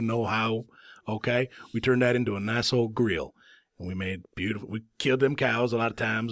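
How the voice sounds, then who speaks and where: A man playing an eccentric radio guest who tells rambling, deadpan absurd stories in a comedy sketch. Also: lowish voice, no room sound, studio quality, natural voice.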